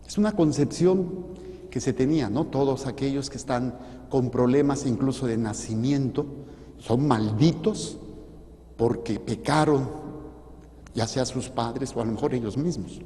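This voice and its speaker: A Mexican priest preaches in a mellow, warm voice, throwing out rhetorical questions and acting out voices from the story. His words trail off into a long echo, as though caught from a large church hall. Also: mid-range voice, a little slow. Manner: animated preaching with rhetorical questions and acted-out quotes. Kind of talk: sermon.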